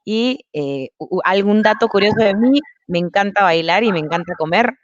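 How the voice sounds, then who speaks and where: A woman's voice: medium pitch, moderate pace, no room sound, highs cut off. A woman from Peru, a marketing consultant giving an upbeat online masterclass, explaining step by step over a video call. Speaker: guest speaker, marketing consultant.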